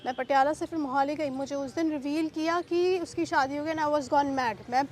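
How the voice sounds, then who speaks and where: A woman being interviewed, recounting a painful personal ordeal in agitated speech, mixing English into Hindi and asking sharp rhetorical questions. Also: high-pitched, fairly even intonation, moderate pace, slight background noise. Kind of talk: emotional personal account.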